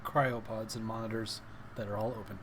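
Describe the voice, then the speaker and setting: A man's voice: lowish voice, little pitch movement, fairly quick, noisy background. A man narrating casually as game master of a tabletop role-playing game.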